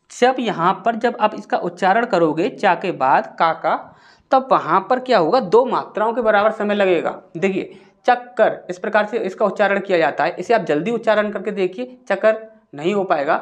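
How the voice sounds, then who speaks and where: Male tutor explaining step by step. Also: high-pitched. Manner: explains step by step, asks and answers his own questions; sounds out syllables slowly and with stress. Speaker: Hindi grammar teacher. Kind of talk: classroom-style lesson.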